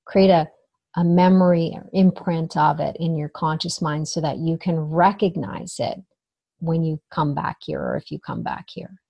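A woman leading a guided meditation as a spiritual coach, soothing and unhurried, with gentle pauses. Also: low-pitched, gravelly, no echo, muffled recording.

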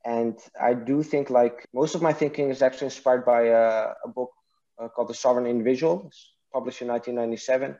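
Mellow-voiced man from Iraq. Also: medium pitch, fairly even intonation, fast talker, dull audio. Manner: thoughtful, hesitant, many restarts and fillers. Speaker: guest, partnerships and marketing executive. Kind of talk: casual interview answers.

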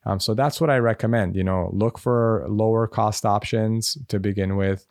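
A man's voice: fairly low pitch, steady tone, normal speed, a little mellow, no echo, studio quality. An American man, a medical school admissions advisor, answering interview questions in a conversational way with many fillers. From United States.

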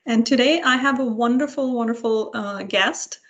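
A woman's voice: on the high side, normal speed, a bit bright, dull audio. A middle-aged woman hosting an interview podcast, chatty and enthusiastic, with fillers and restarts. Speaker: podcast host. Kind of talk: interview conversation.

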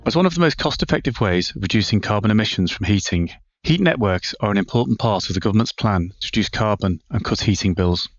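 A man's voice: on the low side, expressive, quick pace, hardly any pauses, no echo, muffled recording. A man hosting a podcast, reading a polished scripted introduction and then putting questions to his guest. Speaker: podcast host.

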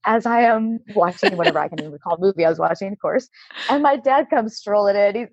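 Lively storytelling woman on a dry lo-fi recording. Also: mid-range voice, quick pace, slightly rough, no room sound. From Alaska. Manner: animated, laughing, acts out quotes. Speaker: guest. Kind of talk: casual storytelling interview. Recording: dull, slightly lo-fi, dry sound.

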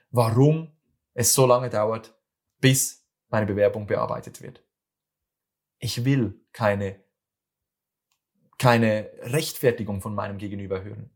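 A Swiss German man from Switzerland with a mid-range voice earnestly offers communication advice in a motivational monologue. He speaks directly to the listener, repeating and restarting phrases.

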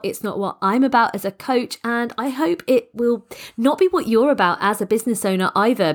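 A middle-aged woman hosting her own podcast as a business coach, sounding croaky and congested from a cold, talking in long, upbeat, motivational sentences. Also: fairly high pitch. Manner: enthusiastic, motivational, speaks in long flowing sentences. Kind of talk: solo podcast monologue.

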